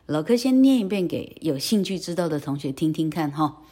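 A woman's voice: low voice, animated, fairly quick, dark tone, breathy edge. A woman teaching English pronunciation, often ending phrases with a tag "ha" and carefully modeling the sounds. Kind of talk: online pronunciation lesson.

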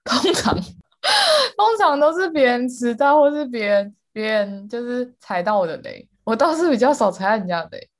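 A woman co-hosting a casual chat podcast, animated and quick to repeat words for emphasis, laughing often. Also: on the high side. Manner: calls herself quick to anger. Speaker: podcast co-host.

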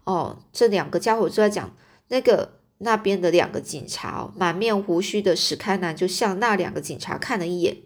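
Woman w/ telling a story out loud, chatty, halting, keeps explaining stuff. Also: fairly low pitch. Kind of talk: casual read-aloud storytelling with explanations.

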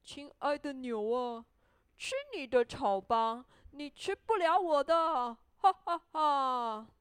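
A cocky little gingerbread man who taunts his chasers in a bouncing sing-song that a woman puts on. His voice is pitched high and sounds dry and close, like a storybook reading. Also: slow, dry recording. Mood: taunting gleeful. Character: cheeky boastful little male gingerbread cookie.

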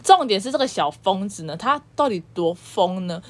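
A woman who co-hosts a podcast and tells a story in casual chat, animated and swearing freely. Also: medium pitch, normal speed. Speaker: podcast co-host.

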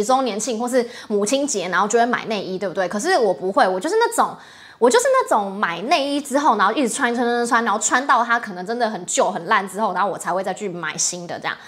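A woman's voice: on the high side, fairly bright tone. A young adult woman with a Taiwanese Mandarin accent, hosting a casual livestream, chatty and rambling, laughing often and greeting viewers' comments. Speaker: livestream host.

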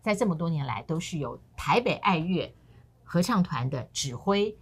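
A woman's voice: on the low side, lively intonation, moderate pace, slightly rough. A middle-aged woman co-hosting a casual talk show, telling stories animatedly and acting out the people she quotes. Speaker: co-host.

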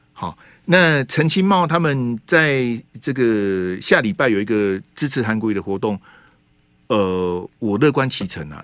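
A man with a Taiwanese Mandarin accent hosts a radio talk show from the studio, delivering fiery, sarcastic political commentary packed with rhetorical questions. His voice is fairly low, with no room sound.

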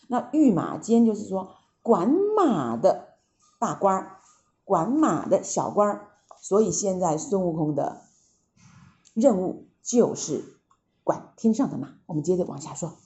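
A woman narrating a classic tale for children, slow and expressive, speaking directly to her listeners. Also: mid-range voice, muffled recording. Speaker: storyteller.

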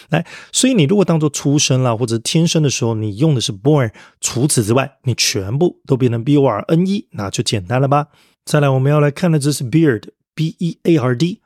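A man teaching vocabulary on his podcast in a cheerful, encouraging tone, pausing to spell each word out letter by letter. His voice sits at a middling pitch. It is recorded close and dry, with no room sound. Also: dry recording. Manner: friendly, upbeat, spells words letter by letter, ends phrases with soft particles.

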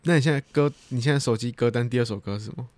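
An easygoing young man hosts a casual podcast chat. He sounds relaxed and slightly tired, talking in a mid-range voice. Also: mid-range voice, rapid-fire. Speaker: podcast host.

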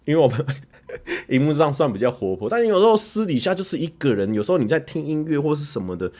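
Brief: male streamer, Taiwanese Mandarin accent, slightly high voice that swings widely, stammery animated storytelling. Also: fast. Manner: animated, stammering repetitions, acts out quotes. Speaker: livestreamer and YouTuber. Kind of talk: casual livestream storytelling.

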